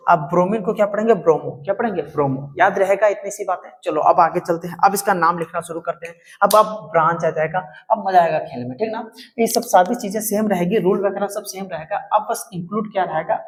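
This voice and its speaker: A man teaching a class lesson at a board, who often repeats key terms and quizzes his students with questions. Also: sits high. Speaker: science teacher.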